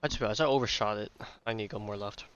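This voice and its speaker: In a relaxed gaming livestream, a man chats and thinks aloud in a rambling fashion, often saying words twice. His voice is on the low side, smooth and fairly bright, and he speaks rapid-fire. A dull lo-fi mic captures him over background game music.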